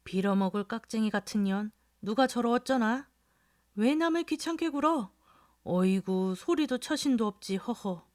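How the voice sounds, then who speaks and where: A woman voicing a crude, drunken middle-aged male rickshaw puller in a storybook reading, shouting and cursing. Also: a little high, animated, moderate pace, no room sound, clean studio sound, natural voice. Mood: mocking.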